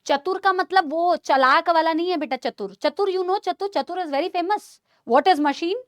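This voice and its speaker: A woman teaching biology in a live online class, animated, quizzing students and calling them beta and bhaiya. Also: extremely high pitch, measured pace, no room sound. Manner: asks the class many questions. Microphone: studio mic.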